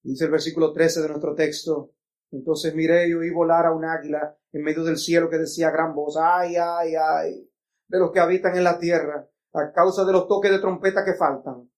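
A man's voice: fairly high pitch, a little mellow. A man preaching a sermon, reading scripture with swelling fervor.

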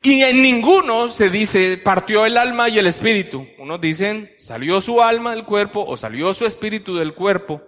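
A man's voice: high voice, animated, normal speed, hardly any pauses, fairly bright tone. A man preaching a teaching sermon, methodically explaining Bible verses and asking many rhetorical questions. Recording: long hall reverb.

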